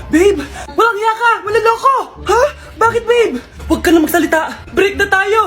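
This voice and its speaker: A woman voicing excitable, melodramatic characters in comedy skits about family squabbles. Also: extremely high pitch, moderate pace. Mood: outraged. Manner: melodramatic, exclaiming. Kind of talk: exaggerated comedy skit dubbing. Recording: echoey, music behind the voice.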